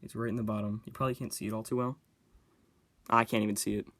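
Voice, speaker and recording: A young man chatting to himself as a YouTuber, easily excited and joking while he builds and plays. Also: lowish voice, quick pace. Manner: chatty self-talk, easily excited, jokey. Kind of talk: casual build-and-play commentary.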